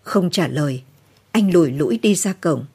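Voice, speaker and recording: Somber husky woman reading a novel. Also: fairly low pitch, expressive, moderate pace, a little mellow. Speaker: narrator. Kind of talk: late-night novel reading.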